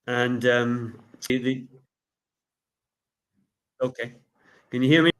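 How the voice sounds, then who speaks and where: A man's voice: mid-range voice, steady tone, takes it slowly, rough recording. A man talking politics on a video call while his audio glitches and cuts in and out; he is hesitant and repeats words while searching for them. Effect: choppy, glitching video-call audio that cuts in and out. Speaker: regular guest.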